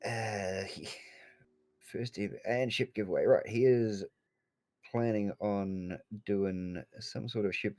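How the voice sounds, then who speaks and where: Australian man, fairly low voice, game stream co-host, laid-back rambling chat, sweary. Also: darkish tone, no room sound. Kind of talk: casual live stream chat.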